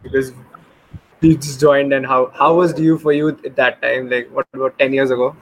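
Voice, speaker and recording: A man's voice: medium pitch, flat delivery, moderate pace, fairly bright tone, rough recording. Polite male interviewer, Indian English accent.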